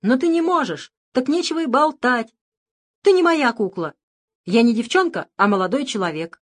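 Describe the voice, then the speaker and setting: A woman's voice: medium pitch, lively intonation, fairly quick, natural voice. Woman doing a spoiled whiny young man. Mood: angry. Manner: whining, shouting, petulant.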